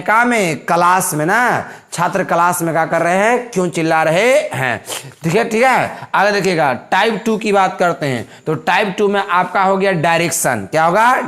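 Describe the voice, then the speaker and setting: A man's voice: high-pitched, a bit bright. A man teaching English grammar in a classroom-style lesson, repeating each example sentence and asking rhetorical questions.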